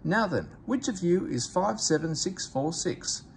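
A stern railway boss from a children's storybook, put on by a male reader. He speaks formally and commandingly, in clipped orders, pitched up from plain narration. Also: animated, measured pace, gravelly, slight background noise, heavily acted. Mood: sceptical.

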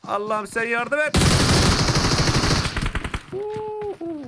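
A young man commentating his mobile shooter game, getting frustrated and shouting at opponents. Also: high voice, a little fast, very noisy. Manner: excitable, frustrated outbursts while playing. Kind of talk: live gameplay commentary. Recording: clear game gunfire behind the voice. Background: shooter game gunfire and clicks.

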